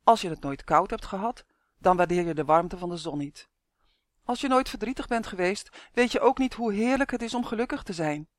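A woman voicing a female magical creature with a fiery temper, who lectures indignantly in a higher, louder voice. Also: lively intonation, brisk, no room sound, clean studio sound, lightly acted. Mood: lecturing.

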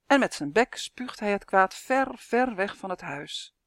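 A woman's voice: medium pitch, a little slow, dry recording, studio quality. Woman reading a fairy tale aloud. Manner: clear, lively storytelling with voiced characters. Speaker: storyteller reading her own story.

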